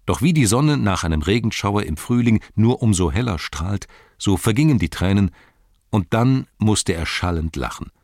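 Deep, gravelly male storyteller. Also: normal speed, dry recording, clean studio sound. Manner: expressive storytelling. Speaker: audiobook narrator. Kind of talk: scripted fantasy narration.

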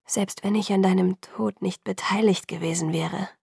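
A brooding young male vampire murmurs in a whispered role-play, put on by a woman reading aloud. His slow, earnest words come low and breathy, with a gravelly rasp underneath. The sound is close and dry, with no room around it. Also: steady tone, darkish tone, dry recording, heavily acted. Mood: hushed earnest.

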